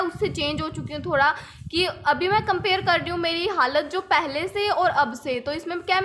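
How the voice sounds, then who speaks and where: A woman's voice: extremely high pitch, noisy background. A young woman teaching English grammar in Hindi, patiently repeating points and asking the viewer rhetorical questions. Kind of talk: explaining grammar lesson in Hindi with English examples.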